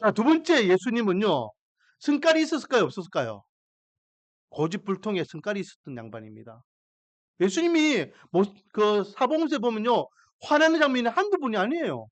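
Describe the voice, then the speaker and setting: A man's voice: sits high, very animated, brisk, no echo. A man preaching a sermon, emphatic and putting questions to his congregation. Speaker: pastor.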